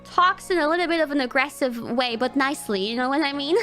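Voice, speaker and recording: Young woman, high voice, casual storytelling, rambling, swearing, faint music behind. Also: fast talker, pushed and bright. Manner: emotional, rambling, with frequent laughs and swearing. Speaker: streamer.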